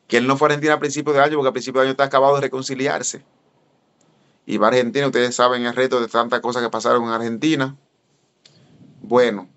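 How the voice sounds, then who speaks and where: A man, an evangelist telling a story in a sermon and speaking straight to his listeners. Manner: animated, addresses listeners directly, voice jumps high when excited. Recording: dull lo-fi recording.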